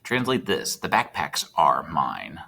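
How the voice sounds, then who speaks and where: A man's voice: a bass voice, sing-song, slow, vocal fry, pushed and bright, husky. A man teaching a recorded Spanish lesson, chatty and checking in with his students as he types. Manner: chatty, checks in with students, talks while typing.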